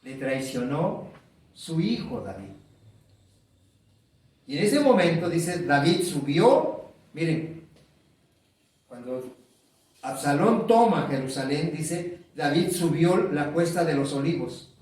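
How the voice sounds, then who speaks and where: Male preacher, sermon delivery, quizzes the crowd and repeats key words; high voice, boomy distant room sound. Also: lively intonation, takes it slowly, pauses often, a little mellow, heavy reverb. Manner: asks the congregation questions and repeats key words.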